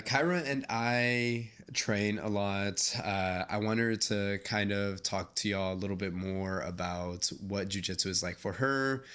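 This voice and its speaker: Low-voiced young man hosting, rambling. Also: a bit bright, clean tone. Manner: rambling, halting, lots of fillers. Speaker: podcast host. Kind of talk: casual interview.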